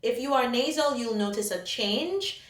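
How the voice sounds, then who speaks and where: A woman vocal coach explaining singing warm-ups step by step, patient and instructive. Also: a little high, animated, moderate pace. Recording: roomy sound, mic at a distance. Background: faint piano.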